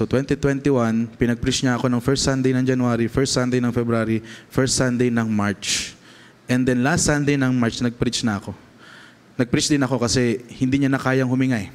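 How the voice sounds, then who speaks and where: A young man with a Filipino accent preaches from the pulpit, shifting between Tagalog and English and checking in with the congregation as he goes. His voice sits in an ordinary middle register. The sound carries the long, lingering reverb of a church hall. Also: medium pitch. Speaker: pastor. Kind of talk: sermon with personal testimony. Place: church sanctuary.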